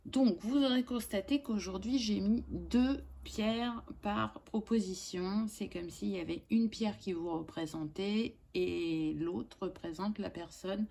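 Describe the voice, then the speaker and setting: A woman doing a spiritual tarot and oracle card reading for her channel, talking gently with many pauses and fillers. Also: mid-range voice, gravelly.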